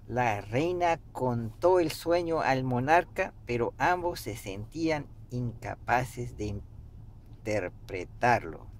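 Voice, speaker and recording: Very slow, halting middle-aged man reading. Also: mid-range voice, slight background noise. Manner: hesitant, many restarts and fillers. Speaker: reader and meditation teacher. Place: parked car, indoors. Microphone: camera on dashboard.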